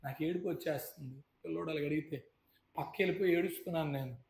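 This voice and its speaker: A pastor in his thirties preaches a fervent testimony from the pulpit, his voice high for a man and full of emotion. He keeps calling out praise and speaking straight to the congregation. The microphone carries him through a roomy, echoing church hall. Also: fast talker, creaky, darkish tone. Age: 30s. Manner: addresses listeners directly and often. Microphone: stage microphone.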